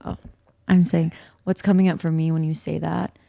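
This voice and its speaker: A woman's voice: low voice, level tone, moderate pace, gravelly, mellow, dry recording. A woman in a casual spiritual chat, speaking in a reflective, searching way with many fillers.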